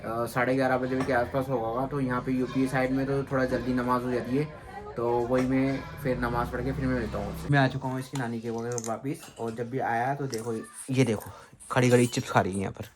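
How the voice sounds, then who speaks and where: A man vlogging for his viewers speaks a little fast in a medium-pitched, flat voice, chatting to his phone camera as a father and constantly pointing things out. He's outdoors on a rooftop and at a street market, with vehicles and street sounds around him.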